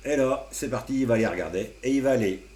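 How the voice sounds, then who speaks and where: A man hosting a casual amateur radio tutorial, explaining computer steps one by one with relaxed, joking asides. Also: mid-range voice, fast. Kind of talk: casual screen-recorded tutorial. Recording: roomy echo, faint hum.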